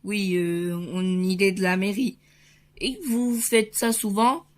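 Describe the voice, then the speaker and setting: Slow, playful woman reading a comic. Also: mid-range voice, fairly even intonation. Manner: unhurried, playful reading with sound effects. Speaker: comic book reader. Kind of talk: reading a comic aloud, switching between characters.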